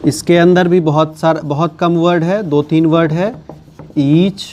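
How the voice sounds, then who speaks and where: A man teaching English grammar in a classroom lesson, slowly explaining, repeating key words and asking and answering his own questions. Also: on the high side, little pitch movement, a little mellow, muffled recording, a little hiss or hum. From India.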